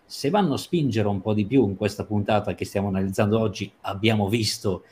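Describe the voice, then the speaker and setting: A man with a somewhat low voice picks apart an episode on a livestream. He talks emphatically, drawing out some phrases and hurrying others. A faint noise sits under his voice. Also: a little fast, darkish tone. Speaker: series commentator.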